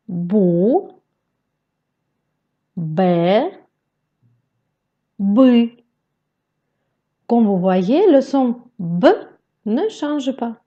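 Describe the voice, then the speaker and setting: Woman, pronunciation lesson, very slow careful delivery, slightly high voice. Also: mellow, muffled recording. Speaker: Russian language teacher.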